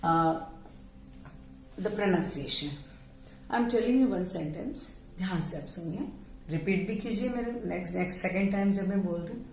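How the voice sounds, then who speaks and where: A woman with an Indian accent teaching an English pronunciation lesson to children, repeating words slowly and carefully and switching between Hindi and English. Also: on the low side, echoey room, rough recording.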